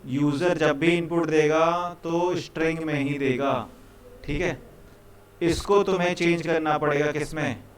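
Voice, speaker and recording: A man from India leads a live programming lesson in a classroom, speaking to his students in a loose, friendly, chatty way. He keeps checking in with them as he goes, and his voice sits a little on the high side. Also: steady tone, unhurried, slight background noise. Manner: casual, repeats "ठीक है" and "भाई", coaxing students. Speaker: programming teacher.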